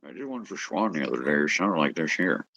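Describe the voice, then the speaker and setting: A very low, gravelly man's voice with a husky edge, chatting casually on a stream. He sounds dry and close to the mic, and he talks up the voices he can do. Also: very animated, fast, pushed and bright, dry recording. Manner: chatty, boastful about doing voices. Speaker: guest. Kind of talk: casual chat.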